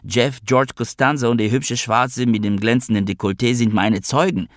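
A man's voice: medium pitch, steady tone, normal speed, dry recording, clean studio sound, voice pushed up, close to an everyday voice. A man reading an audiobook, voicing a scheming, crude male blackmailer who taunts his victim theatrically. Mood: taunting.

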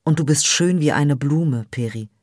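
Eine Frau, die einen ausweichenden, distanzierten jungen Mann spricht, knapp und leise. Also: female voice, low-pitched, moderate pace, darkish tone, no room sound, clean studio sound. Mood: distant.

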